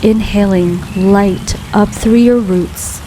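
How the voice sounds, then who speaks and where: Slow, calm woman guiding grounding meditation over rain. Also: mid-range voice. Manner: calm, soothing, unhurried with long pauses. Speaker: meditation guide. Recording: steady rain noise behind voice. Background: rain falling.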